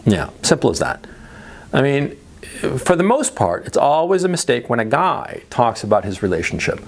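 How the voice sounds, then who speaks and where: A middle-aged man, a native Spanish speaker, coaching on dating in a monologue, repeating points and checking in with "right?" and "okay?". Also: mid-range voice. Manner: rhetorical questions, frequent "right?" and "okay?" tag checks; repeats himself for emphasis. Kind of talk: monologue giving dating advice.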